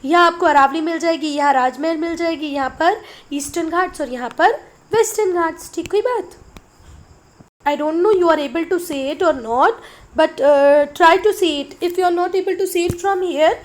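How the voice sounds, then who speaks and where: A woman with an Indian English accent teaching a class, switching between English and Hindi, who calls the students "beta" and keeps checking in with "okay?". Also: very high voice. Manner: reads English definitions slowly, explains in quick Hindi. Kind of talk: online class lesson.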